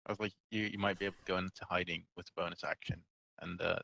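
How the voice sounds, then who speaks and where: A man playing a tabletop role-playing game. His lowish voice has plenty of creak with a bright, forceful edge, and he speaks in casual table chat. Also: level tone, very fast.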